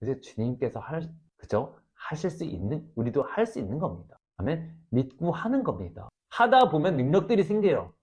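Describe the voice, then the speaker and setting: A man preaching a revival sermon, telling stories in an animated way that swings between loud exclamations and low asides. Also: moderate pace, hardly any pauses.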